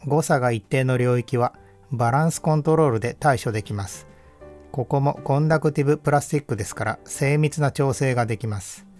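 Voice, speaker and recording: A man narrates in a calm, measured and explanatory way, reading a scripted technical walkthrough as a voice-over. His pitch sits in the middle of the male range, and faint music plays beneath him. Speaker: audio equipment reviewer.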